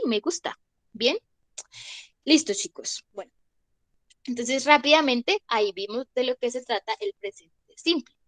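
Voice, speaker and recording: A young woman teaching a grammar lesson, patient and methodical, checking in with her students after each point. Her voice sits a little high. The sound is dry, with no room echo. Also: fairly bright tone. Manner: patient, checks in often with short questions. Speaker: English teacher. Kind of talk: explaining grammar to a class.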